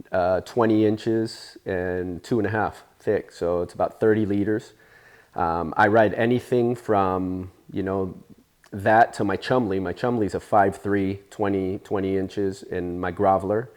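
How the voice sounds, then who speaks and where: A man in his forties, raised in Spain, telling stories in a relaxed interview with plenty of fillers and restarts. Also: sits low. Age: 40s. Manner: easygoing, rambling, with many fillers. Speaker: interview guest, surfer. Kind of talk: casual storytelling interview.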